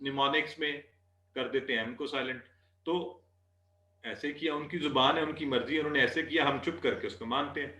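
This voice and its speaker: A man teaching an Arabic class, patiently repeating words slowly for students to drill. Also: mid-range voice, bright, forceful tone, roomy sound. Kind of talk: online class lesson.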